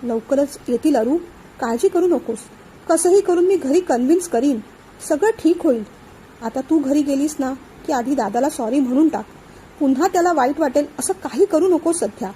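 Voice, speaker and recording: A woman reading a storybook voicing a caring young man who speaks gently and earnestly to reassure his love. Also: high-pitched, animated, moderate pace, slight background noise, low-quality recording. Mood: reassuring. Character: young man Vishant, caring, troubled lover.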